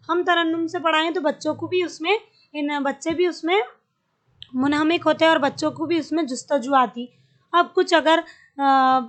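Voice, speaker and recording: A woman's voice: sits high, fairly bright tone. A woman teaching an exam-prep lesson, explaining step by step, repeating key terms and mixing in English words.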